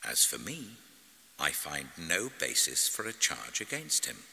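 Imperious, exasperated Roman governor , played by a man, declamatory and very forceful, in a scripture drama with cavernous reverb. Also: extremely low pitch, wildly swooping pitch, unhurried, gravelly, full character voice. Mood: firm, declaring. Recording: long hall-like reverb.

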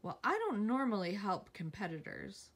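A woman reading TV captions aloud at speed, jumping between reading and her own quick asides. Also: medium pitch, big pitch swings, breathy edge.

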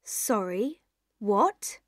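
A woman's voice: mid-range voice, expressive, extremely slow, no room sound, studio quality. A woman acting a puzzled listener asking questions in exaggerated, stilted textbook dialogue.

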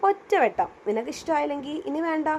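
A woman's voice: high voice, expressive, a little fast, darkish tone, slight background noise, pitched above the performer's own voice. A woman narrator voicing a cheerful young female friend who talks playfully and coaxes. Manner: playful, coaxing.

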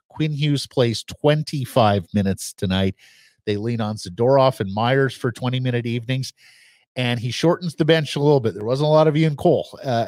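Measured middle-aged male hockey analyst. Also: medium pitch, darkish tone, no echo, clean studio sound. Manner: measured, analytical, lists stats. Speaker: podcast co-host. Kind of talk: casual sports analysis. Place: small studio with bookshelf. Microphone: studio mic on boom arm with headphones.

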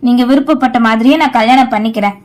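A woman voicing a dutiful seventeen-year-old granddaughter who speaks softly and earnestly in a storybook reading. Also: a little high, quick pace, close to an everyday voice.

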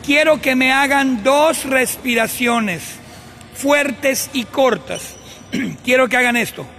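A man coaching a group of players through breathing drills, giving short commands with pauses, with a Mexican Spanish accent. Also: extremely high pitch, pushed and bright, a little hiss or hum. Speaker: sports coach.

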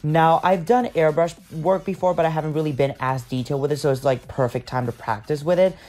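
A man's voice: a little high, a little fast, a little mellow. A man talking casually over his makeup video, chatty and rambling, with lots of fillers as he explains each step. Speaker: makeup artist.

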